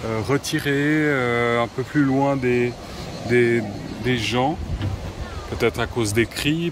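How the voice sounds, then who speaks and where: A man, a teacher vlogging outdoors at a zoo in a slow, hesitant way with many pauses. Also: mid-range voice, background noise. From Switzerland. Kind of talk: casual vlog narration.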